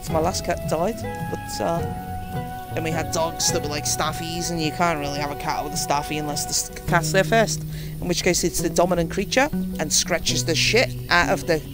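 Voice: mid-range voice, steady tone, moderate pace. A game streamer with a British accent, chatting casually and swearing freely while playing. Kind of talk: casual live-stream commentary. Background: game music.

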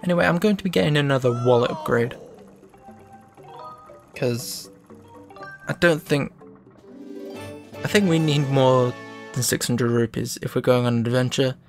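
A man's voice: medium pitch, normal speed, long pauses, soft background music. A man giving casual, explanatory commentary as he plays through a video game. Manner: relaxed, explanatory, self-correcting. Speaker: let's play host.

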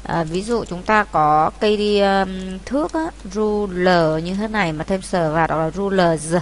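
A woman's voice: mid-range voice, normal speed, slight background noise. A woman from Vietnam teaches a class of students through an exam paper, step by step. She speaks in a mid-range voice and patiently goes back over the key points for them. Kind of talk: exam walkthrough lesson.

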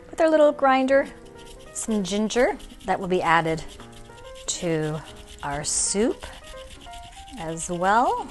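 A middle-aged woman hosting a cooking show in her home kitchen, explaining each step in a friendly way with a few fillers. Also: mid-range voice. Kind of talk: cooking demonstration.

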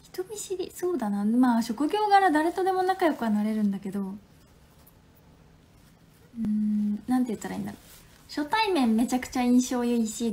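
Mellow young woman with a Hakata accent. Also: on the high side. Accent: Hakata dialect. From Fukuoka, Japan. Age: 20s. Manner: chatty and playful, laughs often. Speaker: livestream host. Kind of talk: casual livestream chat reading viewer comments. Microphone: phone.

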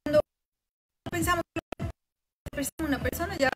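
A woman from Puerto Rico, a rheumatologist, explains a condition to patients, pausing often and restarting her sentences. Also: very high-pitched, very animated, poor audio. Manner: explanatory, with frequent pauses and restarts. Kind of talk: medical talk for patients. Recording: loud music under the voice.

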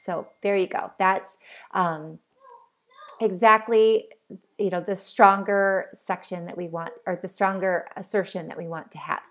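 Gravelly-voiced woman teaching with lots of ums. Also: lowish voice, fairly even intonation, a little slow. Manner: many ums and uhs, explanatory, unscripted. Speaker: college English instructor. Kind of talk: recorded online lecture.

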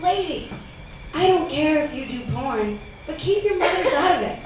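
Laughing through her own punchlines, a young woman performs profane stand-up on a comedy club stage for a live crowd. Her high-pitched voice has lively intonation and a moderate pace. The room is echoey, the mic distant, and audience noise is audible.

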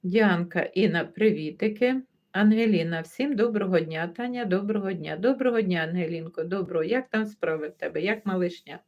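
The recording is muffled, and the woman's fairly low voice moves a little fast. Hosting a livestream, she chats easily, reads out viewer comments, greets viewers warmly by name in succession and laughs as she talks.

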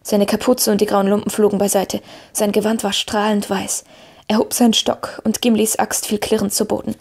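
A woman reading a fantasy story aloud with an even storytelling delivery. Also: mid-range voice, gravelly, husky. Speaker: audiobook narrator. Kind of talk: scripted fantasy narration.

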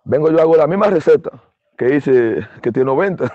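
A middle-aged former baseball player from the Dominican Republic, speaking with a Dominican Spanish accent, tells his story as a guest in a casual interview, acting out other people's lines. His voice is a little high, expressive and a little fast, and the recording sounds dull, muffled and dry.

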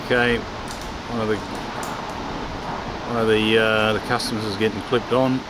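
A man with a lowish, fairly monotone voice narrates a travel vlog while walking around an outdoor park. He talks in a matter-of-fact, unhurried way, filling gaps with "uh", and clear outdoor background noise runs under his voice. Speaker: travel vlogger. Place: outdoors at a forest waterfall park. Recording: noisy outdoor ambience.

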